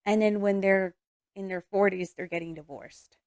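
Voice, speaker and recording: A woman in her thirties co-hosting a casual chat, talkative and agreeable, quick to laugh. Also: medium pitch, fairly even intonation, darkish tone, no echo. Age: 30s. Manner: chatty, agreeing often, laughing easily. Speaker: podcast co-host.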